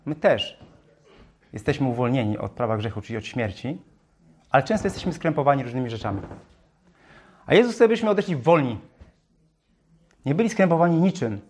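A man's voice: mid-range voice, big pitch swings, fairly quick, long pauses, darkish tone, husky. A man preaching a sermon, reading Bible verses aloud and explaining them, often asking his listeners questions and repeating phrases.

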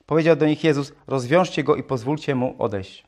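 A man's voice: medium pitch, brisk, darkish tone. A man preaching a sermon, reading Bible verses aloud and explaining them, often asking his listeners questions and repeating phrases.

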